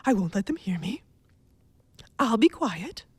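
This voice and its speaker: An actress playing a terrified, pleading wife in a radio thriller, stammering and frantic, going from whispers to shouts. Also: female voice, medium pitch, very animated, measured pace, slightly rough, dry recording, exaggerated voice. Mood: fearful, hushed. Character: terrified, pleading invalid wife alone at night, hysterical.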